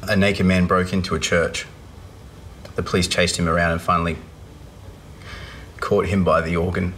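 Low-voiced man telling dad jokes. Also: level tone, moderate pace, fairly bright tone, slight background noise. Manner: dad-joke delivery, set-up question then punchline. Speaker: joke teller in a dad-joke challenge.

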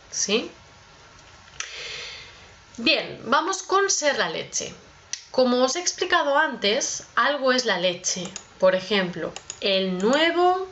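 A woman teaching a lesson on expressions, slow and patient, often checking in with her students. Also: fairly high pitch, fairly bright tone, slight background noise. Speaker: Spanish teacher. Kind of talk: explaining expressions with examples. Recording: dull lo-fi audio.

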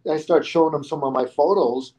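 A man being interviewed on a podcast, telling a lively anecdote in casual speech, often restarting his phrases. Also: on the high side, fairly quick, poor audio. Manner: animated anecdote teller with frequent restarts, acting out quoted people. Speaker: guest.

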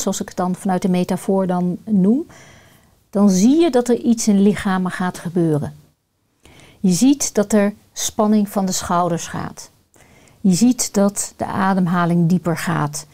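Mellow-voiced woman coach, thoughtful and searching. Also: mid-range voice. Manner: thoughtful, searching for words with many fillers. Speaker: guest, coach and family constellation facilitator. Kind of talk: reflective podcast conversation.

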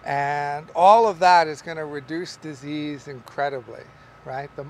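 A middle-aged male market farmer gives a casual on-camera lesson on growing, standing among tall tomato plants in a large greenhouse. His voice sits on the high side and he speaks unhurriedly, relaxed and rambling, with many fillers and restarts. The camera records from a distance in a wide shot.

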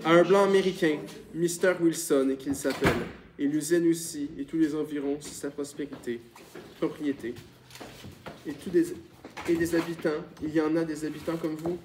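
A man's voice: a little high, steady tone, normal speed, distant mic, lightly acted. A man reading the part of Manuel, an earnest peasant back from Cuba, on a noisy recording with clicks.

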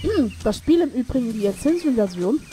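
With a sing-song, somewhat high voice and a brisk pace, a woman streams herself playing an online game, a little unwell and short of breath. The rough recording, from a desk mic in a new room, carries slight background noise and loud game music. Her talk rambles, self-corrects and jokes around.

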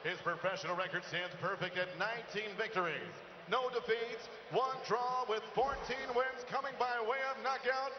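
A man working as a bilingual boxing ring announcer, booming out drawn-out names with lucha libre showmanship into a handheld mic in an arena. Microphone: handheld microphone. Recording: echoey arena PA, dull, crowd noise.

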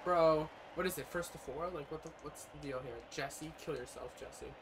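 Young male gamer, profane rambling commentary, sudden yells, fairly high voice, noisy home room audio. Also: moderate pace. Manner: profane, rambling, bursts into loud yelling. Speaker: gaming streamer. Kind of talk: casual gameplay commentary. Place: small room indoors.

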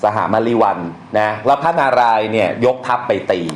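A man's voice: lowish voice, expressive, normal speed. A man teaching poetry in a casual, blunt way, using slang and reciting verses aloud. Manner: blunt and colloquial, with slang and crude words. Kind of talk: casual lecture on Thai poetry. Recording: echoey room, faint noise.

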